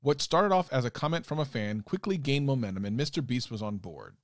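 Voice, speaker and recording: A relaxed man reads a script aloud in a casual manner. His voice sits at a middle pitch. The sound is dry, with no room echo. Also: brisk. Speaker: guest youtuber.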